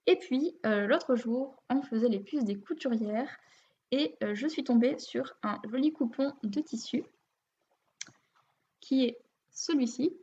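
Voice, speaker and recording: A woman's voice: a little high, measured pace, mellow. A woman with a French accent hosting a knitting video podcast, chatting casually and a bit self-deprecatingly, with many fillers. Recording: muffled lo-fi home recording.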